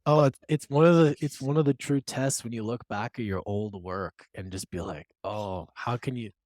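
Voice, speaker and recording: A man's voice: medium pitch, normal speed, a little mellow, no echo, studio quality. A man hosting a podcast, speaking enthusiastically and asking his guest probing questions. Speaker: podcast host. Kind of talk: casual interview.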